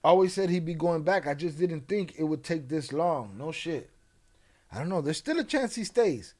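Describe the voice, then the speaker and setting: A man's voice: on the high side, animated, normal speed, darkish tone, faint music behind. A man hosting a livestream, chatting casually in a profane, rambling way. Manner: profane, rambling, thinks aloud. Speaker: livestream host.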